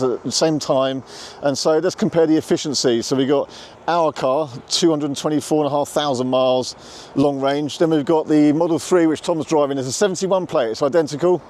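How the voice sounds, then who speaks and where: A man's voice: fairly high pitch, a little mellow. A man with a South London accent hosting a casual car vlog, chatty and explaining things step by step, from inside a car and at a charging station. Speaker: vlog host.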